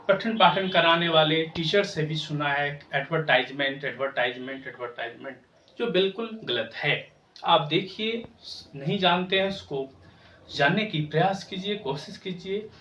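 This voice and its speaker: A man teaching English pronunciation, speaking slowly and repeating each word to correct common mistakes. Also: on the high side, a bit bright, slight background noise. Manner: slow, repetitive, corrective. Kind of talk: pronunciation lesson to camera. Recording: echoey room, voice from a distance.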